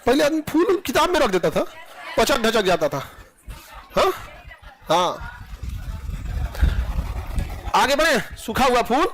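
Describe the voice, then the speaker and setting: A man's voice: extremely high pitch, very animated, slow, pauses often, a bit bright, slight background noise. A male teacher teaching a biology class, quizzing students and joking with them in a classroom. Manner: playful, jokes with students, quizzes them repeatedly.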